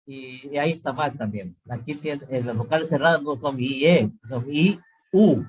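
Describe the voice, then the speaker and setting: A middle-aged man teaching a class over a video call, explaining slowly, repeating points and checking often that students follow. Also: medium pitch, slightly rough, rough recording. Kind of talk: online class lecture.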